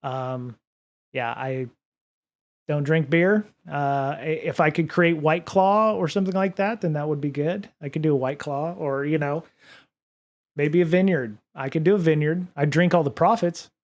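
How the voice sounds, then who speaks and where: Here a fairly high male voice speaks at normal speed. He's a podcast and livestream host doing an informal stream from his home studio, replying to viewer comments in a rambling way with many fillers and restarts, captured by a desk studio mic.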